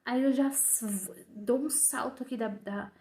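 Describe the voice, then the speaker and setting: Young woman, new mother, casual storytelling, slightly high voice, indignant, quotes others in changed voices. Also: measured pace, mellow. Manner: retells dialogue in other voices, indignant and emotional. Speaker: new mother telling her birth story.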